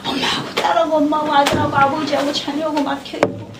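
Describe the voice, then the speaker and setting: A woman with a high voice gives a church lecture as a counselor, telling stories with animation. She is heard from far off in an echoey hall. Steady background noise runs under her voice. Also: fast. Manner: animated storyteller who acts out the dialogue. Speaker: counselor giving a talk.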